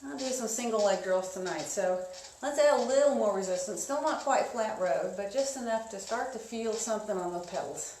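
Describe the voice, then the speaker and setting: A woman's voice: medium pitch, lively intonation, normal speed, hardly any pauses, darkish tone. A woman leading an indoor cycling class, giving encouraging coaching cues and guided instruction. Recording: echoey room with faint noise.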